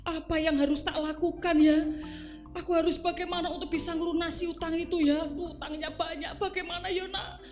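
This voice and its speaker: A woman's voice: very high-pitched, little pitch movement, fairly quick, soft background music, pitched above the performer's own voice. A woman voicing a poor widowed mother who frets and pleads in a children's story. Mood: worried. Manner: pleading, fretful.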